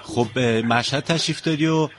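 A man hosting a radio talk show who speaks politely and courteously, with frequent thanks and praise for his guest. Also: medium pitch. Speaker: radio host.

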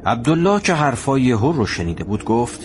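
A man narrating a historical story in a measured, conversational storytelling manner. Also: mid-range voice, big pitch swings, noisy background.

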